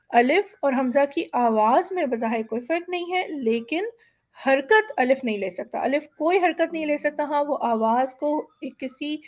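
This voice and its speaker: A woman teaching Quran recitation in a class, patiently explaining letter sounds and slowly sounding out example words. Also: high voice, darkish tone.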